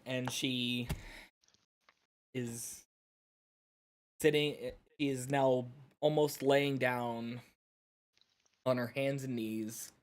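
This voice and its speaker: A man playing a tabletop role-playing game, improvising narration of the character in a halting, deliberate way with dramatic pauses. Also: mid-range voice, steady tone. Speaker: player narrating their character.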